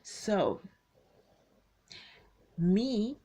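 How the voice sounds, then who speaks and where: A woman in her late twenties, born in Congo, raised in Belgium and moved to the UK as a teenager, talks unscripted to her online followers as a video host. Her mid-range voice is expressive and dark-toned, with drawn-out words. She keeps it conversational, often rephrasing herself and posing questions.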